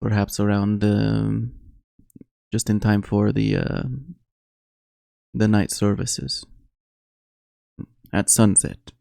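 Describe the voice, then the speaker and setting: A man voicing a kindly older male priest in a tabletop game, earnest and halting. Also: fairly low pitch, monotone, creaky, mellow, no room sound, clean studio sound, heavily acted.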